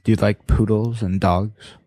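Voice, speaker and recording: Low-voiced man reading a countdown. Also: fairly even intonation, measured pace, mellow, no echo. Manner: reads out a countdown list, short replies. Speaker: podcast co-host. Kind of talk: casual podcast chat.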